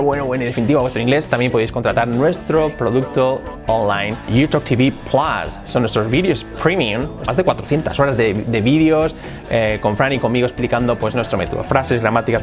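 A Spanish-speaking man teaching an English pronunciation lesson, moving between Spanish and English example phrases. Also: mid-range voice. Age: adult.

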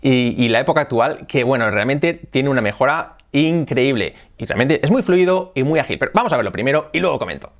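A man with an accent from Spain gives a casual video lesson, hopping between Spanish and English. He talks in a lively way, repeats himself and ends phrases with "¿ok?". His voice sits at an ordinary middle pitch. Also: brisk, hardly any pauses. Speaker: English teacher.

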